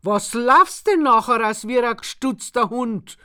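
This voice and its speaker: A woman voicing the story's exasperated narrator figure, shouting in dialect. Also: on the low side, sing-song, unhurried. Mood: outraged. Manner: outraged, loud exclamations. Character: exasperated first-person narrator, worked up.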